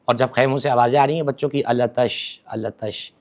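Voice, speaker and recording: A man, a religious scholar, telling a story with feeling in a podcast interview. He swings between forceful and hushed delivery and repeats words for emphasis. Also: mid-range voice, little pitch movement.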